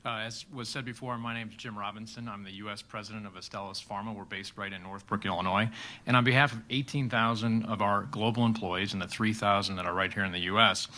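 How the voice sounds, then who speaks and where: Chicago-accented male exec, quick and punchy, low-pitched sponsor speech. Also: steady tone, pushed and bright. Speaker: corporate sponsor executive. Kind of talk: prepared press speech.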